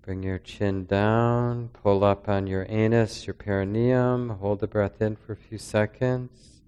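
A low-voiced man leads a breathing meditation in a steady, nearly flat tone. His voice is smooth and clear, and he lets long pauses fall between his soft, calming instructions. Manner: slow, soft-spoken, calming. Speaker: meditation teacher.

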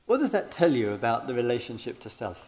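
A man teaching meditation in a question-and-answer dialogue, speaking deliberately and haltingly and often repeating his phrases. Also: mid-range voice, big pitch swings, darkish tone, rough recording.

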